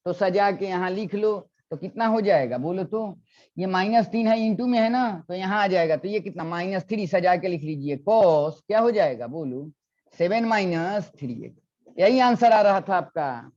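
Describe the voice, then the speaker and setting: A man's voice: high voice, lively intonation, normal speed, darkish tone. A male physics teacher giving a classroom lecture, coaxing students and repeating questions. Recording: dull lo-fi classroom recording.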